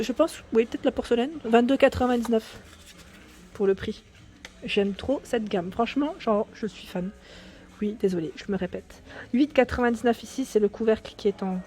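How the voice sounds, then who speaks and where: A talkative woman with a slightly high voice, walking a store aisle with her phone camera and eagerly rattling off prices. She peppers her speech with fillers and little exclamations of delight. Soft in-store music plays faintly behind her. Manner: chatty, enthusiastic, lists prices, frequent fillers. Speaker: vlogger showing store products. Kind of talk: casual shopping vlog walkthrough. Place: home goods store, indoors.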